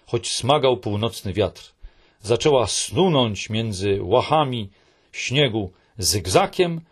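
A man narrating a children's storybook aloud, with expressive delivery that lingers on soft phrases. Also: mid-range voice, slightly rough. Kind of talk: audiobook narration.

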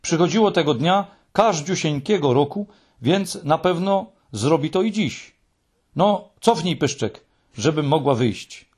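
A man reading aloud and voicing a calm, patient, practical female creature. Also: fairly high pitch, breathy edge, voice pushed up. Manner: calm, unhurried.

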